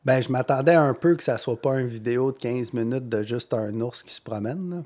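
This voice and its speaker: Dry, mellow-voiced Québécois man. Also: mid-range voice, fairly quick. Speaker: podcast co-host. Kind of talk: casual podcast chat.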